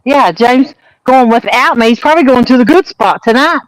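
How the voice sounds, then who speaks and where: A woman's voice: a little high, lively intonation, moderate pace, no echo, low-quality recording. A woman joining a fishing stream in easygoing, teasing casual chat.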